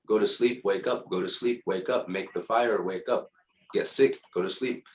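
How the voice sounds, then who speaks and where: A man in his fifties giving a casual spiritual monologue as a teacher, unhurried and reflective, repeating words for emphasis. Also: lowish voice. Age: 50s. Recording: echoey room.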